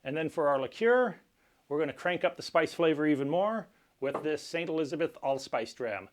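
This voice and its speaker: A man hosting a cocktail tutorial, explaining each step in a measured, instructional way. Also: on the high side, lively intonation. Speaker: cocktail channel host. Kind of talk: cocktail recipe tutorial presentation.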